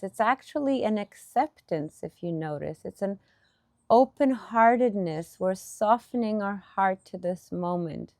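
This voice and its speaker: In this guided meditation, a female teacher speaks gently in short, slow phrases punctuated by pauses. The medium-pitched voice comes through a dry recording with clean studio sound.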